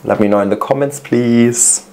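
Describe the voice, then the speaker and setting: A man talks his way through viewers' plant collections in a casual reaction video. His voice sits at a middling pitch, and he reads their messages aloud between bursts of delight at the plants. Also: normal speed, mellow.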